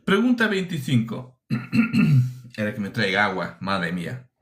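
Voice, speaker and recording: A man's voice: on the low side, wildly swooping pitch, a little slow, fairly bright tone. A man from preaching a teaching sermon, emphatic, asking rhetorical questions and repeating his phrases.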